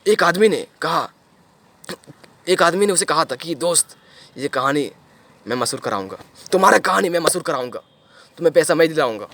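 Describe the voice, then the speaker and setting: High-voiced young man, dramatic monologue. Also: a bit bright. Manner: repetitive, emphatic storytelling with sudden swells and drops. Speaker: actor performing an audition monologue.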